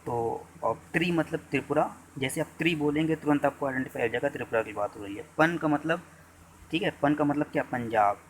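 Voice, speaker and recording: Man teaching exam-prep, dictating slowly. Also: on the high side, a little hiss or hum, rough recording. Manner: addresses students as "बच्चों", repeats and dictates slowly. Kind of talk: exam-prep lecture with memory tricks.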